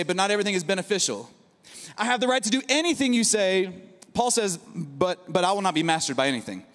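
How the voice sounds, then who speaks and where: High-voiced pastor preaching in a reverberant hall. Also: male voice. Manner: energetic, conversational preaching with asides and rhetorical "right?". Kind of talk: sermon. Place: large church auditorium stage. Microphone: handheld mic.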